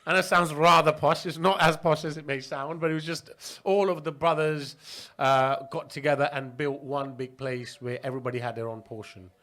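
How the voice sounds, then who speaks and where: Man, from Pakistan, podcast guest, slightly high voice, rambling, laughs a lot. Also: steady tone, normal speed, hardly any pauses, fairly bright tone. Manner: chatty, laughing, many restarts. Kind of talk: casual interview storytelling.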